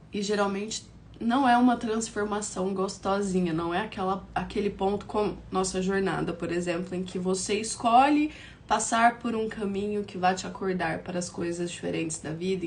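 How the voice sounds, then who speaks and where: A middle-aged Brazilian woman with a hoarse, croaky voice from an inflamed throat, talking casually and reflectively as she teaches on a livestream. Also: medium pitch, slight background noise. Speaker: host of a tarot challenge.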